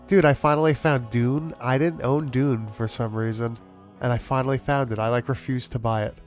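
A man's voice: mid-range voice, steady tone, moderate pace, faint music behind. A man with a nasal voice stuffed up by a cold, hosting a casual, slangy movie podcast. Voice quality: nasal, congested. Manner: informal, slangy, sweary. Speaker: podcast host.

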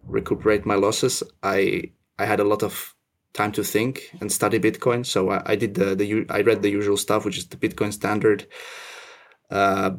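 Man, young, low pitch, creaky, casual, self-deprecating, restarts a lot. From Russia, raised in Finland. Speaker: podcast guest. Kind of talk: casual interview chat.

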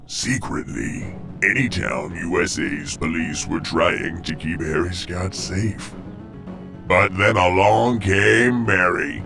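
A very low-voiced man narrates in the manner of an old radio drama. He takes his time, delivering the scripted mystery recap theatrically with suspenseful pauses over music. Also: creaky.

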